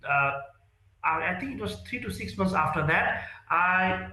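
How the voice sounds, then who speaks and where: A man, speaking in a fairly high, bright and forceful voice. He answers interview questions earnestly, pausing on fillers and restarting his sentences. The room around him rings with echo. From Nepal. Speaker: real estate sales executive, guest.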